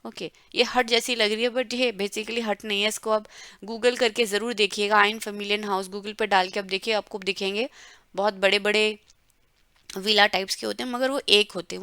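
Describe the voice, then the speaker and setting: A woman teaching a German lesson, explaining words and drawing out pronunciation slowly. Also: medium pitch, sharp tone, no room sound, clean studio sound. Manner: slow, drawn-out pronunciation drills. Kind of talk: bilingual language lesson.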